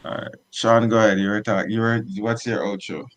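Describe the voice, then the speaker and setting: A man hosting a talk show, reading out viewer comments in a relaxed, conversational way. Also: on the low side, a little fast, no echo, lo-fi sound. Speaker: host.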